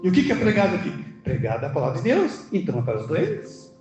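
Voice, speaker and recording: A preacher and church elder, a middle-aged man with a Brazilian accent, talks fast in a high-pitched voice with huge pitch swings. His conversational sermon, at an indoor church service, has him emphatically asking and answering his own questions. The lo-fi sound comes from a very echoey hall with background music.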